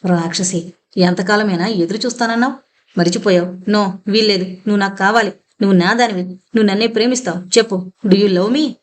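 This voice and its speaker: A woman's voice: mid-range voice, fairly quick, close to an everyday voice. A woman narrator voicing an obsessive, vengeful man just out of prison who taunts and threatens, mixing in English words. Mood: menacing. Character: obsessive vengeful male ex-convict, menacing.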